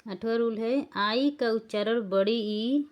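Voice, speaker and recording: A woman's voice: a little high, takes it slowly, dull audio. A woman teaching English pronunciation rules, spelling words out letter by letter and checking that the learners follow. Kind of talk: slow spelling-rule lesson.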